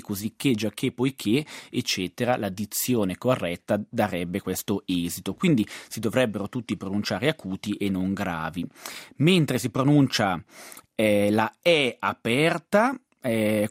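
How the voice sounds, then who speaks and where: A man's voice: lowish voice, no room sound, clean studio sound. A man on a radio program explaining rules in a didactic way, listing examples. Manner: didactic, lists examples, quick bursts. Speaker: language expert on a radio program.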